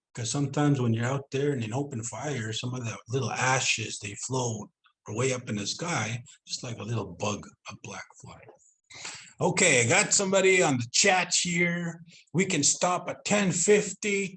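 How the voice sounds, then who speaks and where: Man presenter with a Northern Cree accent, unhurried conversational teaching over a video call. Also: medium pitch, a bit bright. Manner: conversational, drawn-out storytelling with repeated "you know". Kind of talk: online cultural presentation.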